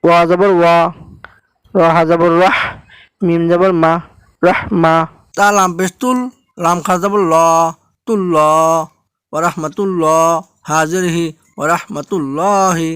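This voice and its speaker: Man, Bangladeshi Bengali accent, high voice, slow syllable-by-syllable teaching, smooth and clear. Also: steady tone, fairly bright tone, no echo, rough recording. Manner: spells out each syllable then blends it. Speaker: Quran recitation teacher. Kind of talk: slow spelled-out recitation lesson.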